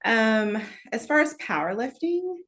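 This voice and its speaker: A woman in her forties, a guest on a casual podcast, answering in an easygoing way with many pauses and ums. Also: fairly high pitch, sing-song, a bit bright. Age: 40s. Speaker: podcast guest, salon owner. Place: unfinished gym office. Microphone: laptop, recorded on a call.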